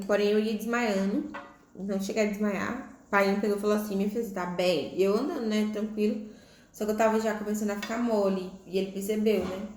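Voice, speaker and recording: Young woman telling her birth story. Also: mid-range voice. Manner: conversational, frequent "né?" tag questions. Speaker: vlogger. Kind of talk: personal storytelling. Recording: echoey room.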